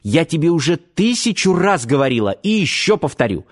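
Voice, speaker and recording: Guy doing a sulky headstrong teen girl, pitched way up high, storybook reading. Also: sing-song, moderate pace. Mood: defiant. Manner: pouty, defiant, raised girlish voice. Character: stubborn fiery teenage girl, red-haired.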